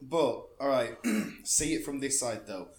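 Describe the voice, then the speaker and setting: A man's voice: medium pitch, a little slow, echoey room. A man hosting a casual chat, steering topics and playing devil's advocate.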